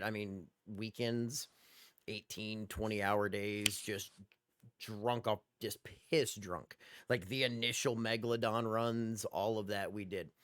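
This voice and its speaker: A man's voice: on the low side, fairly bright tone, dry recording. A man co-hosting a casual podcast, telling stories enthusiastically. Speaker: podcast co-host.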